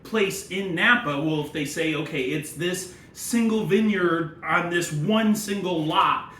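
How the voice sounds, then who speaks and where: A man's voice: high-pitched, a little slow, pushed and bright. A man speaking as a sommelier in casual tasting commentary, wry and opinionated, full of wine jargon. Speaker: sommelier and presenter. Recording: echoey room, faint background noise.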